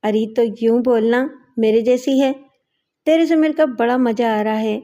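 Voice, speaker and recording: A brash, crude woman from a gang, as a female narrator puts her on, loud and teasing in a storybook reading. Her voice sits fairly high but sounds mellow. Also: dull audio, close to an everyday voice. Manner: loud, teasing, coarse talk.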